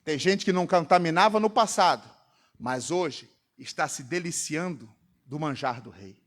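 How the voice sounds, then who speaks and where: A Brazilian pastor preaching a sermon to a congregation, throwing out rhetorical questions for the crowd to answer. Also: male voice, fairly high pitch, animated, moderate pace, a bit bright. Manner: rhetorical call-and-response questions. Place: church congregation.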